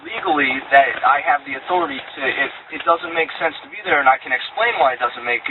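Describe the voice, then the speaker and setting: A tinny, phone-like recording with clear vehicle noise carries a male border patrol agent talking quickly. He is authoritative and insistent as he questions someone at the roadside. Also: a little high. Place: outdoors at a roadside vehicle stop.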